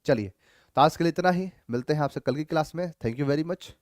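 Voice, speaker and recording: A man teaching an English grammar class, reading each sentence slowly and then explaining it in a mix of two languages, sometimes calling students "babu". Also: a little high, a little mellow, no room sound, studio quality. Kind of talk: online class going over grammar answers.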